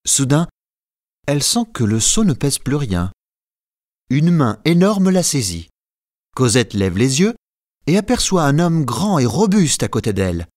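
A man narrating an audiobook in a calm, measured reading style, recorded close on a studio mic. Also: medium pitch, no room sound.

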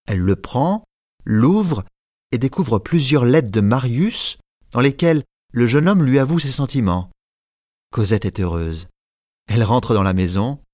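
A man narrating a simplified classic novel in a measured, clear storytelling manner. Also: lowish voice, no room sound, clean studio sound.

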